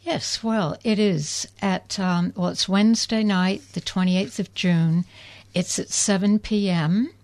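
A woman, a guest activist on a radio interview, speaking in an earnest, deliberate way. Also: medium pitch, steady tone, darkish tone.

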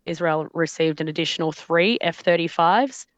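A woman researcher speaking outdoors in a remote interview over glitching call audio that keeps cutting out, talking haltingly with many restarts and fillers. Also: low-pitched, no echo, muffled recording. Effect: glitching, dropping-out call audio. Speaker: researcher guest.

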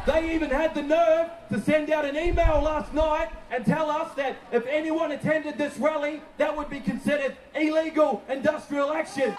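A man, a dock worker and union member, shouting a defiant speech at a rally. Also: very high-pitched, heavy background noise. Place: outdoor rally. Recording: roomy, distant outdoor rally recording.

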